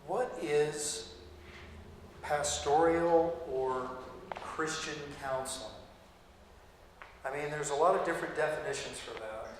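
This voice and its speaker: A middle-aged man teaching a Bible college class in a relaxed, conversational way, often checking in with "okay?". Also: a little high, slight background noise. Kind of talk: classroom lecture. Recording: echoey classroom with long reverb.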